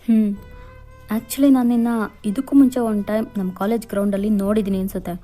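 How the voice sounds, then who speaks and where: A woman's voice: medium pitch, fairly even intonation, a little fast, mellow, soft background music, lightly acted. A woman voicing a young man who is hurt and irritable, snapping orders and scolding in a fan-fiction voice-over. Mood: gruff, bossy. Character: gruff injured young man, bossy and irritable.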